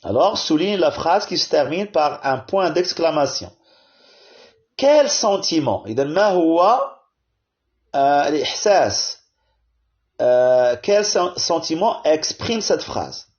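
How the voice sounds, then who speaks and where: In dull lo-fi audio, a man patiently explains grammar to primary pupils in classroom style, mixing French and Arabic and dropping frequent "hein?" and "bien". His voice is on the high side with big pitch swings.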